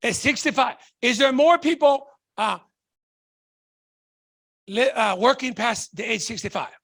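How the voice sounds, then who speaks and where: A man from Tonga with a striking high, gravelly voice delivers a fervent motivational talk. His bright, edgy tone carries enthusiasm as he keeps asking the audience questions. The sound is close and dry. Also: animated, a little slow, dry recording. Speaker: motivational speaker.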